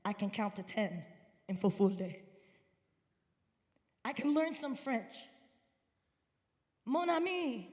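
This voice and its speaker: A woman's voice: a little high, sing-song, takes it slowly, pauses often, a little mellow, in a large hall. A woman from upstate New York giving an earnest, emphatic personal testimony at a church service. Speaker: guest speaker at a church service. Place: church sanctuary.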